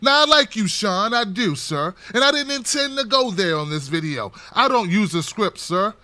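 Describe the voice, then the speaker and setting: A man giving an unscripted political commentary, talking straight to the camera, impassioned and preachy, building to near-shouts. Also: high voice, big pitch swings, normal speed, no echo.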